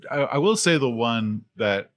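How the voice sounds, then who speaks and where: A man's voice: medium pitch, a little slow. A man guest on a podcast, telling anecdotes in casual chat with frequent restarts, laughter and acted-out quoted voices. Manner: animated storyteller who acts out quoted voices. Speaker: podcast guest, video creator.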